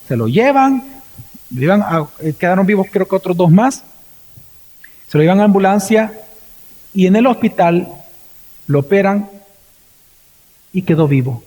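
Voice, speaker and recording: A Salvadoran man, a pastor, preaching a sermon and telling a story, acting out the quoted words with sharp swings in pitch. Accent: Salvadoran Spanish. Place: church. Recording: long reverb of a church hall.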